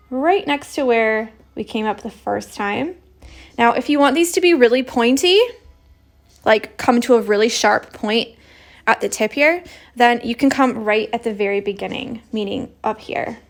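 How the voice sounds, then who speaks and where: A woman teaching an embroidery stitch in a casual, chatty livestream, filling her sentences with "like". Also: on the high side. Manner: chatty, lots of "like" fillers.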